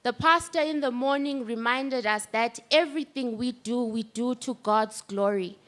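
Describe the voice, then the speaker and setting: A woman leading a church service, explaining a scripture passage slowly and deliberately before introducing the speaker. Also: fairly high pitch, fairly bright tone. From South Africa. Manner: slow, deliberate, explaining step by step. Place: church hall.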